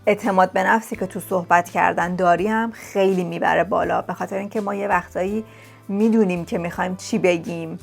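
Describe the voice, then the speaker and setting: A woman's voice: fairly low pitch, fairly even intonation, gravelly, soft background music. A woman vlogger giving language-learning tips in a casual, chatty way, often repeating words for emphasis. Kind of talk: casual talk to camera. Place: lives in England.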